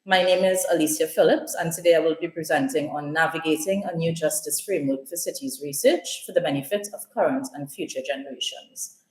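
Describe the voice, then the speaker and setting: A woman from Trinidad and Tobago, giving a measured, formal conference presentation remotely. Her voice is heard over a video call in a screen recording. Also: deep voice, darkish tone, reverberant, rough recording. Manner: measured, formal, listing points.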